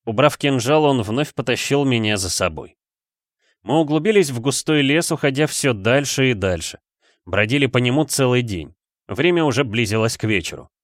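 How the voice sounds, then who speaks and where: A man reading a first-person story aloud in steady audiobook narration. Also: mid-range voice, normal speed, no echo, clean studio sound.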